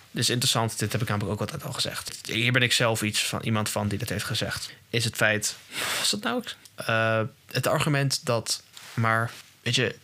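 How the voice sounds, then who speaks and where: A man's voice: fairly low pitch, sharp tone. A young man hosting a podcast, talking in a casual monologue and often restarting and searching for words. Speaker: podcast host.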